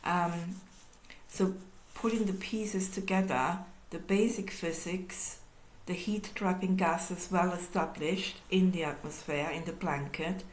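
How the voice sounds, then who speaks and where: A woman's voice: lowish voice, fairly even intonation, measured pace, roomy sound, a little hiss or hum, low-quality recording. A woman hosting her own channel, talking earnestly to the camera from home with small restarts. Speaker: channel host. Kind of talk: unscripted talk to camera. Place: room at home with a cat.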